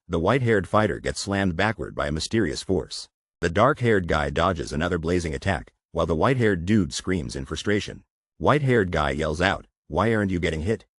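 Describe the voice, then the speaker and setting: A man's voice: low voice, dry recording, studio quality. A man narrating a comic recap as scripted voice-over, wisecracking with playful asides.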